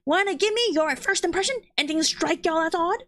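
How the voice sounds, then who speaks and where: A woman's voice: very high-pitched, animated, fairly quick, a bit bright, slight background noise. A woman reading a brash, pushy male journalist. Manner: pushy, folksy and informal.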